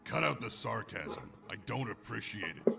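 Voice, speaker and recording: A man voicing a grim, weary mercenary in a game, talking curtly and gruffly. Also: fairly low pitch, expressive, moderate pace, over music. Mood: stern. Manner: gruff, brooding, curt. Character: grim weary male mercenary searching for his wife. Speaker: game character. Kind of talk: game voice acting.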